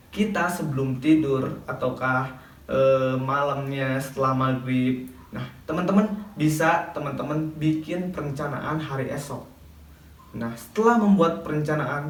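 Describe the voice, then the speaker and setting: A man speaking as an Islamic preacher, giving didactic, sermon-like advice and addressing listeners as friends. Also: fairly high pitch. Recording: echoey room, distant mic, faint noise.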